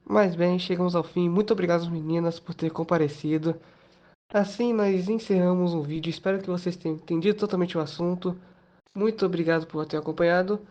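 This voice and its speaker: A woman's voice: lowish voice, darkish tone. A young woman closing the video in a casual, joking way. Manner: joking, informal. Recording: dull lo-fi sound.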